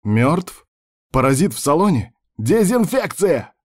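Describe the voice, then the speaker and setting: A man reading an audiobook, voicing a gruff male squad commander who barks urgent orders in battle. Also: medium pitch, lively intonation, unhurried, a little mellow, no room sound, studio quality, pitched above the performer's own voice, lightly acted. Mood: shouting orders.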